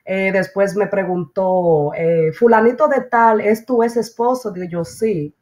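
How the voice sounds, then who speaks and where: A woman's voice: mid-range voice, unhurried. A woman with a strong voice, casually telling a story, acting out what was said and dropping in English phrases. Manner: lively, acts out dialogue and drops in English phrases. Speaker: interview guest.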